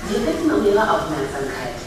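A woman making formal flight announcements over an airport PA system in a slow, evenly measured way. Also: low-pitched, very animated, background noise. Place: airport terminal. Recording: echoey loudspeaker heard from far off.

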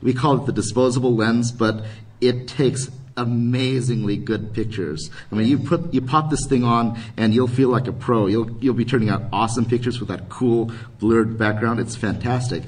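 A man's voice: mid-range voice, normal speed, a little mellow, distant mic, low-quality recording. A man giving a photography workshop at a convention, talking casually with many ums and restarts. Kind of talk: live convention workshop talk. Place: convention panel room.

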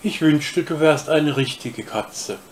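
A man reading aloud and voicing a shy, gentle young boy who speaks timidly. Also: on the high side, takes it slowly, slight background noise. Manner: timid, soft-spoken.

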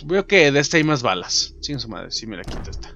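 A young man with a Mexican accent, giving loud, profane let's-play commentary and shouting at enemies. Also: medium pitch, very animated, fast, highs cut off, a little hiss or hum. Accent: Mexican Spanish. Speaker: gaming YouTuber. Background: game music.

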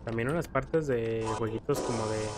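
A gaming video creator with a Mexican accent talks at medium pitch and moderate speed against a noisy background and game music. His commentary is casual and joking, peppered with playful exclamations.

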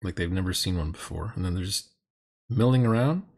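A deep, darkish voice belongs to a middle-aged man critiquing a tabletop roleplaying video. He moves a little fast, and his reactions are blunt, sarcastic and fed up.

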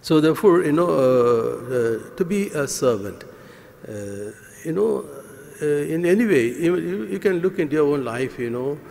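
Older male priest preaching at Mass; earnest, halting delivery into a lectern mic, long church reverb. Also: fairly high pitch, lively intonation, creaky, a little mellow, a little hiss or hum. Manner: gesturing, earnest, many fillers and restarts. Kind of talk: homily at Mass. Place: church sanctuary, indoors. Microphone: stand mic at lectern.

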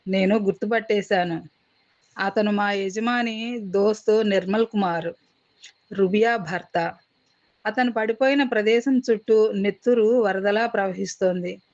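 A woman narrating a short story as an audiobook, reading in a measured, expressive way and voicing the characters' lines. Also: medium pitch, muffled recording.

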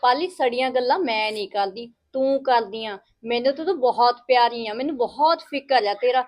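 A woman playing a village wife who lectures her sister-in-law in a sharp, sarcastic way in a family skit. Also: a little high, normal speed, close to an everyday voice.

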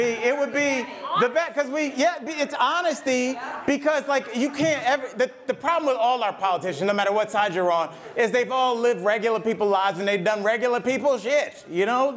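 A middle-aged man doing a stand-up comedy set at a live event, talking in a conversational, animated way with lots of asides. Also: high-pitched. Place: live event venue with audience. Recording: live venue with loud crowd. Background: audience laughter.

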